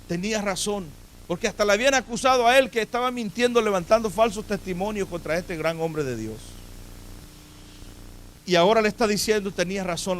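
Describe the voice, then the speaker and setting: A man's voice: sits high, a bit bright, slight background noise. A man preaching a sermon in a church, speaking emphatically and putting direct questions to his congregation. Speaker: pastor. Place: church sanctuary.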